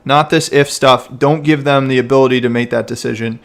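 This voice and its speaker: A man's voice: medium pitch, steady tone, brisk, gravelly. Man coaching coxing technique. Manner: encouraging, explanatory, with repeated restarts. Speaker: rowing coach. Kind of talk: coaching feedback.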